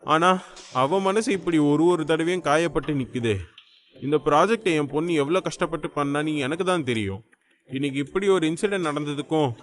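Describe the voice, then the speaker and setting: A man's voice: on the high side, lightly acted. A man voicing a distraught middle-aged father pleading to God for his daughter, in an audiobook. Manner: pleading, lamenting. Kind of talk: audiobook character voice.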